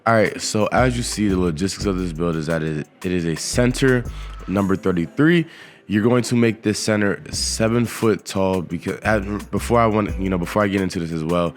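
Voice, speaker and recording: A man's voice: low voice, normal speed, faint music behind. A young man casually walking through a basketball game build, laid-back and slangy, with a groggy morning voice. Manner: laid-back, slangy, repeats "you know". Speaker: gaming YouTuber.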